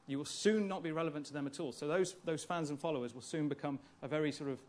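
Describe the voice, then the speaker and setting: A man speaking at a conference, his voice sitting a touch higher than most men's. He talks quickly and loosely, stacking up rhetorical questions and filling the gaps with ums and restarts. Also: a little mellow. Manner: fluent but full of ums and restarts, asks rhetorical questions. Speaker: conference speaker on broadcaster social media. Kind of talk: conference talk.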